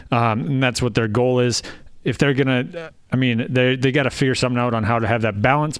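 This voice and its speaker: A man's voice: mid-range voice, clean tone, no echo. A man co-hosting a casual sports podcast, talking with wry jokes and frequent fillers. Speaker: podcast co-host.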